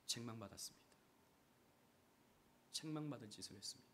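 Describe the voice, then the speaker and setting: A man preaching a sermon as pastor, talking in an animated way that swings from quiet to loud and emphatic. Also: mid-range voice, a little fast, a little hiss or hum.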